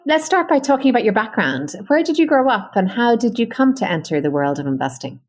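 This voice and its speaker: A woman hosting an interview podcast, introducing her guest and asking questions in a measured, conversational way. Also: on the high side, very animated. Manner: warm and measured, reading sponsor copy and asking questions. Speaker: podcast host.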